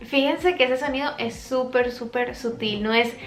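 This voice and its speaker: A woman from Latin America teaching an online language lesson, explaining patiently and clearly. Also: fairly high pitch, reverberant, faint music behind. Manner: clear, patient explaining with slowed-down example words. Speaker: English teacher.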